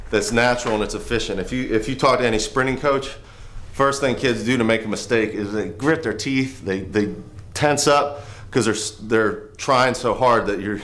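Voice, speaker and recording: A man's voice: mid-range voice, fairly bright tone. A man in his thirties, a firefighter and trainer, giving a casual, earnest workout demo in a home garage, rambling with restarts.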